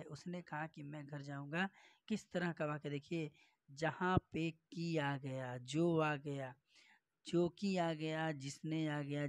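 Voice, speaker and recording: A Hindi teacher going through exam practice questions, explaining each answer with rhetorical questions and repetition. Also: male voice, a little high. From northern India.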